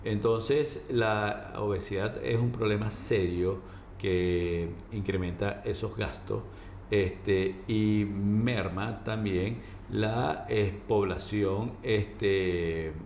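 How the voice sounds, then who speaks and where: A man speaking as a doctor being interviewed, explaining medical matters informally in a halting way, often checking that he is understood. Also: fairly low pitch, steady tone, darkish tone. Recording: roomy echo, faint background noise.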